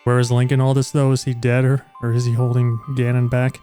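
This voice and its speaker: A man's voice: medium pitch, completely flat delivery, a little fast, warm tone, soft background music. A man streaming a video game, chatting casually with crude, joking asides. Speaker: gaming streamer.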